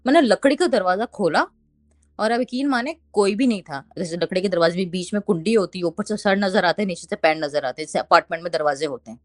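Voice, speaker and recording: A young woman, casually telling a ghost story and quoting others in lively bursts. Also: lowish voice, fast talker, dry recording, studio quality. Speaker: storyteller recounting a haunting.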